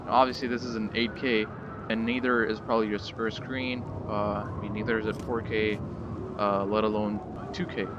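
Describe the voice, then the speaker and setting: A man's voice: lowish voice, level tone, a little fast, lo-fi sound, noisy background. A man hosting a gaming channel, talking casually over gameplay footage with lots of fillers and a mildly sarcastic edge.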